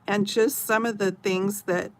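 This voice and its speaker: A middle-aged woman from Oregon, USA, hosts a craft channel and chats casually with live viewers, rambling and giggling often. Her mid-range voice stays steady and unhurried, with a little hiss or hum audible in the recording.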